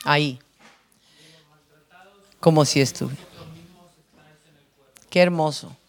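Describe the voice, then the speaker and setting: A woman's voice: deep voice, slow pace. A woman prison minister giving a blunt, emphatic testimony sermon to a congregation.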